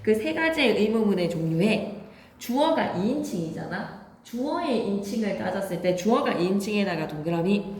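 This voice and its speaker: A woman's voice: medium pitch, very animated, moderate pace, a little mellow, roomy sound. A woman teacher giving an emphatic classroom grammar lecture, quizzing her students with questions as she goes.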